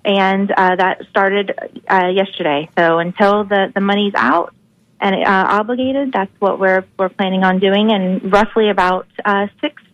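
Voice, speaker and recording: A woman's voice: mid-range voice, fairly even intonation, unhurried, no room sound. Woman official calling in over the phone, businesslike, muffled dry line. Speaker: county social services manager. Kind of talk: caller explaining a program on air.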